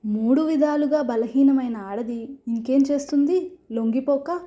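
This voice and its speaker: Proud young bride with a sharp tongue, as a woman reader puts her on; slow, mellow delivery, a little high. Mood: defiant. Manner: indignant, firm. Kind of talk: storybook reading.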